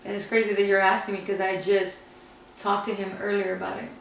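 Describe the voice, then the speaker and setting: A woman's voice: mid-range voice, flat delivery, fairly quick, gravelly. A woman co-hosting a casual, personal chat, telling things candidly in an anecdotal way. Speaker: podcast co-host. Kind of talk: casual personal faith conversation. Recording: very echoey room, distant mic, faint noise.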